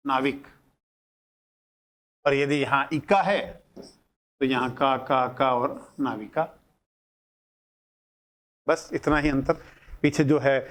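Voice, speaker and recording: Slow, deliberate male grammar teacher. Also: medium pitch. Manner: deliberate, breaks words into single sounds and repeats them. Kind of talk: classroom lecture explaining at a board.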